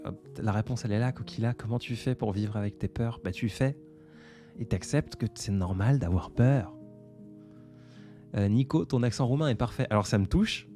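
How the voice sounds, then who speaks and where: A man's voice: fairly low pitch, moderate pace, dark tone, soft background music. A man in his twenties hosting a casual live stream, answering viewer comments in a hesitant, reflective way with many fillers. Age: 20s. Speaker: livestream host.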